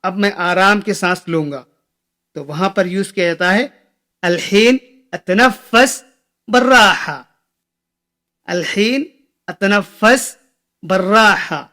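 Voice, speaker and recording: In a patient lesson on Arabic phrases, a young male teacher speaks in a high, sharp-toned voice. He says every phrase slowly and goes over it several times, and only then explains what it means.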